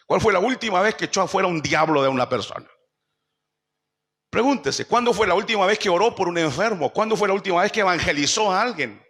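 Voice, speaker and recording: A man's voice: high-pitched, animated, quick pace, a bit bright. A man pastor preaching a sermon, firing rhetorical questions at the congregation and acting out quoted speech. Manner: acts out quoted speech in shifting voices. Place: church service.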